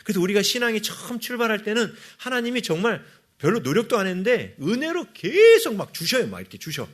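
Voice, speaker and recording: A man's voice: sits high, huge pitch swings, fast talker. A male pastor giving a sermon, asking the congregation questions and answering them himself.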